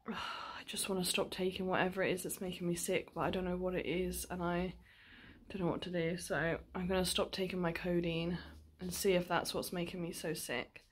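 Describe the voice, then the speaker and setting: Recording a casual video diary at home in a small bedroom or living room, this twenty-something vlogger is worn out and queasy, her jaw aching from dental surgery. Her voice sits on the low side with a breathy edge, level in tone and moderate in pace.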